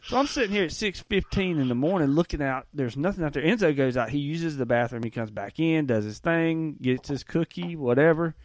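A man hosting a podcast, telling a story in a rambling, folksy, animated way. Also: on the high side, fairly quick, hardly any pauses, no room sound. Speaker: podcast host. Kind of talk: casual podcast chat.

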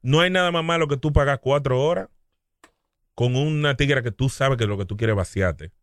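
A man's voice: medium pitch, moderate pace, dry recording, clean studio sound. A man with a Dominican accent chatting casually, telling stories with slang and quoted dialogue as a co-host. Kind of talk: casual group chat.

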